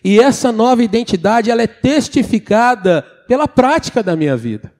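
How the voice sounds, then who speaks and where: A man's voice: very high-pitched, sing-song, moderate pace, darkish tone. A man preaching a sermon to his church congregation in a Minas Gerais Brazilian Portuguese accent, earnest and addressing them directly as brothers and sisters. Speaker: pastor. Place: church sanctuary.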